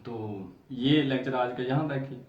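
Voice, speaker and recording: A man giving a recorded pronunciation lecture, spelling words out letter by letter and drawing out each correct form slowly. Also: medium pitch, darkish tone. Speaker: English pronunciation teacher. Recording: dull, roomy sound from a distant mic.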